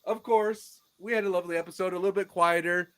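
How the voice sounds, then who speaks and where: A man's voice: sits high, steady tone, quick pace, fairly bright tone, clean tone. A man in his thirties hosting a casual chat show, upbeat and enthusiastic as he wraps things up. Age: 30s. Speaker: podcast host.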